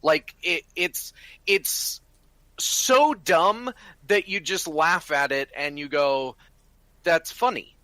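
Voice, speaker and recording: Man, podcast co-host, very slow, bright forceful tone, opinionated, explanatory. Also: a little high, dry recording. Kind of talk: casual gaming podcast chat.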